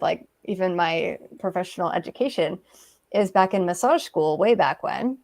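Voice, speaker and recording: A woman's voice: lowish voice, darkish tone. Woman guest author, conversational storyteller, filler-heavy, acts out what others said. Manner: chatty, many fillers, acts out quoted remarks. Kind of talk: casual interview storytelling.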